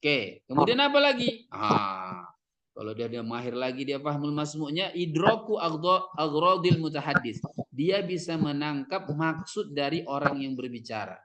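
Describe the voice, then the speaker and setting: A man's voice: a little high, lively intonation, moderate pace, a bit bright. A man training teachers in a lecture, explaining step by step and answering his own questions, with Arabic terms in an Indonesian accent. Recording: audience or crowd noise behind.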